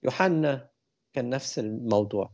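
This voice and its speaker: A man's voice: medium pitch, normal speed, darkish tone, lo-fi sound. A man with an Egyptian Arabic accent preaching a colloquial sermon in a conversational way, often putting questions to his listeners.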